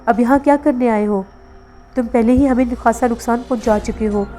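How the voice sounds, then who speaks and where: A woman's voice: a little high, steady tone, faint music behind, lightly acted. A woman reading as an angry young wife. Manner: sharp, demanding.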